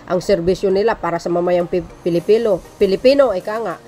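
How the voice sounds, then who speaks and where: A woman's voice: on the low side, steady tone, quick pace, warm tone, faint music behind. A woman vlogging casual political commentary, chatty and teasing, reading names aloud with frequent exclamations.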